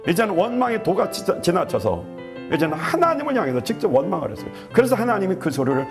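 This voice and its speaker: Gravelly, animated Korean pastor preaching. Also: male voice, sits high, quick pace, music in the background. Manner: rhetorical questions, animated preaching. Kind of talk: sermon.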